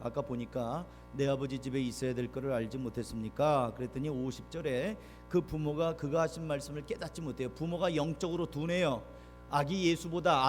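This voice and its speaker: Male pastor, slightly high voice, chatty sermon delivery, echoing hall. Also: darkish tone. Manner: conversational preaching, acts out quoted parents with rising emphasis. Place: church sanctuary.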